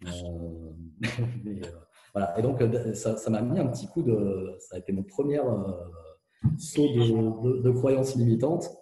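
A man speaking candidly as an interview guest, with fast, tumbling speech full of hesitations and restarts, heard through a hands-free kit. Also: on the low side, mellow. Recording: echoey, muffled hands-free phone sound.

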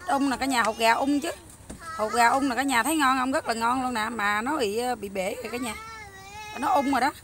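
A young woman with a Southern Vietnamese Mekong Delta accent, chatting loudly and eagerly to viewers while she cooks in a rural hut kitchen. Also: fairly high pitch, brisk. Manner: loud, chatty, enthusiastic, talks over noisy kids. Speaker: cooking vlogger. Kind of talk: casual cooking vlog chat.

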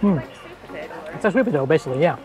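A man's voice: fairly high pitch, expressive, very fast, darkish tone, soft background music, a faint crowd. Man talking with his mouth full. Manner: enthusiastic, savoring food with murmurs. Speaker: food vlogger. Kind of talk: casual food tasting commentary. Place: outdoor market.

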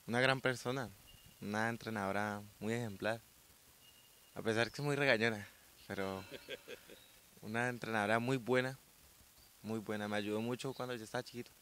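Soft-spoken Colombian teen athlete. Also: male voice, lowish voice, fairly even intonation, moderate pace, pauses often, slight background noise. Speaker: young weightlifter interviewee. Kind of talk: casual interview answers. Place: outdoors by a sports ground. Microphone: handheld reporter mic.

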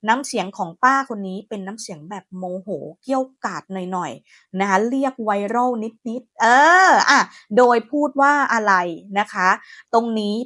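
A woman hosting a software tutorial, chatty and friendly, talking her viewers through each step. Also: medium pitch, dry recording, studio quality. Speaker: AI tutorial host. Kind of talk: screen-recorded software tutorial.

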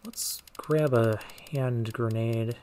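A man's voice: mid-range voice, takes it slowly, mellow, slight background noise. A man giving casual let's play commentary on a video game, thinking aloud with muttered asides as he goes. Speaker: gaming let's play host.

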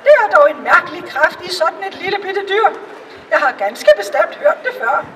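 A woman's voice: very high-pitched, expressive, pushed and bright, far from the mic, a faint crowd, slight background noise, full character voice. A woman voicing foolish, self-assured male courtiers in a storybook reading. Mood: excited.

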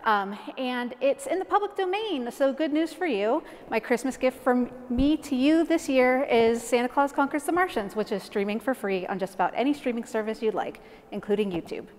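A young woman, a production coordinator, giving a quick, wry holiday greeting in a large indoor hall on a lapel mic. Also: a little high, lively intonation, darkish tone, slight background noise. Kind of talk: casual holiday greeting to camera. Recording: reverberant hall.

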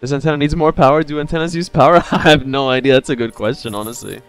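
A man's voice: mid-range voice, fairly even intonation, fast, smooth. A man in his thirties giving casual, playful live gameplay commentary, thinking aloud as he streams. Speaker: video game streamer.

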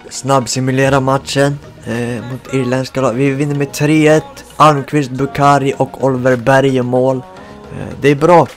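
Excitable man commentating his own football game. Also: mid-range voice. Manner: excitable, shouts at goals, groans at misses. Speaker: gaming channel host. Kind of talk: live gameplay commentary.

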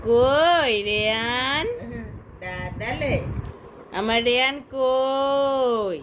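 A young woman at home talking baby talk to her infant, coaxing him with drawn-out, sing-song questions. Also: high-pitched. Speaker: mother filming her baby. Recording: noisy home phone recording.

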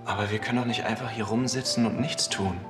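An actor playing a worried, protective young boyfriend in a television drama. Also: male voice, lowish voice, fairly even intonation, fast talker, natural voice. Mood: worried, gentle. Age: young adult. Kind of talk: TV drama acting. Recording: roomy sound, music under dialogue.

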